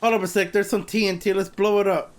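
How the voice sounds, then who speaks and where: A man narrating his gameplay in chatty let's play commentary, bursting with excitement over weapons. Faint game ambience sits behind him. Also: high-pitched, quick pace, slight background noise.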